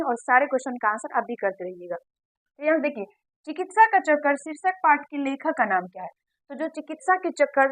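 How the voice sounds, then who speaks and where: High-voiced woman teacher. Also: fairly bright tone, no echo, rough recording. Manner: repeats questions and answers to drill points. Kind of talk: exam-prep lesson.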